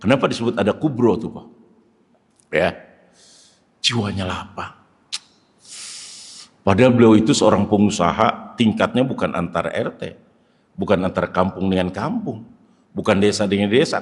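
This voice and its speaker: A man preaching with a lowish voice that leaps up for stressed words and drops to quiet, prayerful murmurs. His sermon rings with a long echo, as though recorded in a large hall. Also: moderate pace, pauses often. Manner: animated, swings between shouted stress and low prayerful murmurs. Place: mosque hall.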